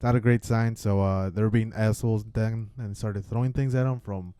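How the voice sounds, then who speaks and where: A man's voice: fairly low pitch, normal speed, clean tone, dry recording. A man co-hosting a podcast, talking football casually, swearing freely and calling his co-host "dude". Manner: relaxed, swears casually, says "dude" often. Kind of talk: casual sports chat.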